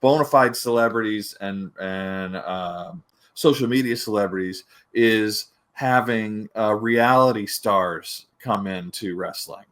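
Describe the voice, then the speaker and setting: A man's voice: on the low side, slow, fairly bright tone. Guy chatting on a podcast, kinda cranky, keeps restarting sentences. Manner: rambling, frequent restarts, grumbly. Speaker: podcast panelist. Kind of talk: casual podcast chat.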